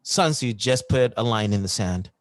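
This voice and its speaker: Lively man hosting a podcast panel. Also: medium pitch, moderate pace. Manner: animated, repeats phrases, plugs the show. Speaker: podcast host. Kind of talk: casual panel chat.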